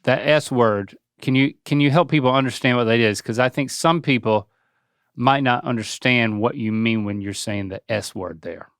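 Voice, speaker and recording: A man's voice: medium pitch, moderate pace, smooth, no echo, clean studio sound. A man chatting casually as a co-host in a conversational, wry way. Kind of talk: casual chat.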